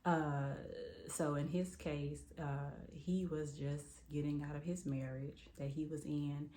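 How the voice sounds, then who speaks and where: A woman's voice: low-pitched, little pitch movement, slow pace, dark tone, a little hiss or hum. A woman, telling a personal story in a candid, casual way with many fillers. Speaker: storyteller vlogger.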